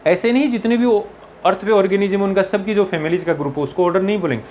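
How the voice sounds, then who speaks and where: A man teaching biology for an entrance exam, mixing Hindi and English, slowing down to dictate textbook lines and often checking in with his students. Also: sits high, a little mellow, slight background noise. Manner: slows down to dictate English textbook lines, keeps asking "ठीक है ना". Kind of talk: exam-prep lecture, Hindi mixed with English.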